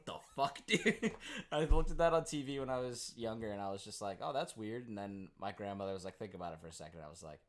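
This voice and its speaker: A young American man co-hosts a podcast, chatting casually and rambling, swearing a lot and laughing often. His voice sits on the low side, with lively intonation and a quick pace.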